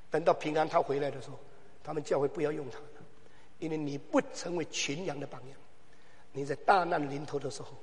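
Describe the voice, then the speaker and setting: A man preaching a sermon as pastor, swinging from low, quiet asides to loud, shouted exhortation with rhetorical questions. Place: church hall. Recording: long hall reverb.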